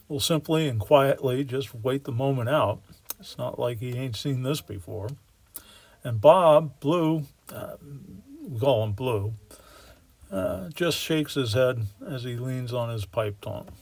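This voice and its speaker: A man narrating a story in a folksy, wry tone, dropping casual slang as he goes. His pitch sits in a middle range. The recording is dry and close, with no room sound. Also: darkish tone, no echo. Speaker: storyteller and model railroad builder.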